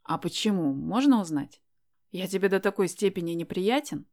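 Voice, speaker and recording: A woman's voice: lowish voice, expressive, normal speed, a little mellow. A woman voicing a self-assured young man in an audiobook, teasing and insistent as he presses a shy girl to go out with him. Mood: pushy.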